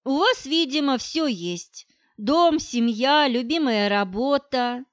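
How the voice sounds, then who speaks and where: A woman's voice: high-pitched, animated, slow, no echo, dull audio, voice pushed up. A woman reading the lines of a confident, coquettish young woman in an audiobook, in a sweet, coaxing manner. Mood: flattering.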